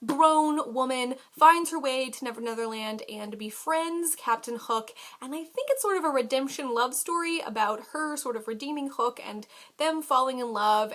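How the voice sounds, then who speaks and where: A woman's voice: high voice, a bit bright. A woman talking casually and enthusiastically to her viewers as a book vlogger, with emphatic delivery. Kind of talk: casual book haul chat to camera.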